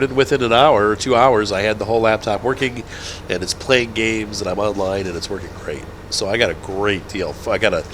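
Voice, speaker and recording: Stuffed up from a cold, this man rambles over a farming game in relaxed let's-play commentary, fixing his own words and laughing softly. He runs a gaming channel. His voice is lowish and fairly bright, with slight noise behind it.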